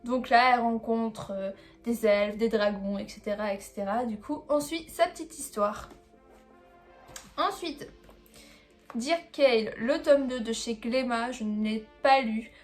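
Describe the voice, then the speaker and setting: A woman's voice: a little high, a little slow, faint music behind. A woman chatting casually as she reviews her new manga, rambling with frequent fillers and small laughs. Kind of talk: casual chat about a manga haul.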